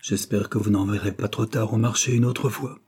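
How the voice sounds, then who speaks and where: A man's voice: lowish voice, steady tone, fairly quick, darkish tone, husky. A man reading aloud voices a spoiled, rude young man who grumbles curtly at dinner. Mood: peevish. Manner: curt, complaining.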